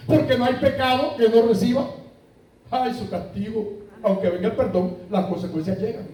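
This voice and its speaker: A man's voice: sits high, normal speed, mellow. A man with a Puerto Rican accent preaching a sermon, asking the congregation questions and telling anecdotes. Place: church sanctuary. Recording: echoey church from far off.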